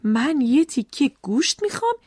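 A woman voicing a noisy, shouting man in a children's story, drawing out his loud demands slowly. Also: high-pitched, big pitch swings, breathy edge, dry recording, studio quality, heavily acted. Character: loud shouting grown man who learns quietness.

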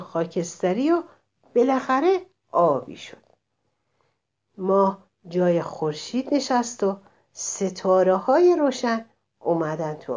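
A woman narrating a children's story, expressive and addressing the children listening. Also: lowish voice.

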